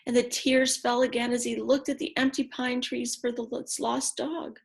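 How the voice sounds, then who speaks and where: This storyteller's voice sits a little high, with a level tone and some vocal fry. Reading a picture book aloud for small kids, she uses slow, simple phrasing, punches up dramatic moments, and drops in chatty asides to her audience.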